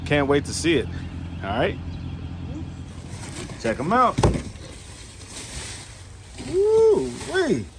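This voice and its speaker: A man narrates his car work in a casual vlog. His pitch swings lively up and down, and he sounds pleased as he repeats his praise. Steady background noise sits behind his voice. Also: takes it slowly, pauses often. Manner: relaxed and enthusiastic, repeats praise with exclamations. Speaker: auto shop owner. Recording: noisy background.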